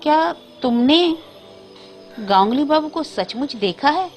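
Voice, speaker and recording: A woman voicing a timid, anxious young sister-in-law who speaks in a hushed, fearful, pleading way in a Hindi storybook tale. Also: sits high, lively intonation, slow pace, faint music behind, voice pushed up.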